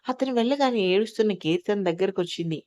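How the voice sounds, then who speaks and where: A woman's voice: mid-range voice, lively intonation, fast talker, a little mellow. Woman narrating an audio story.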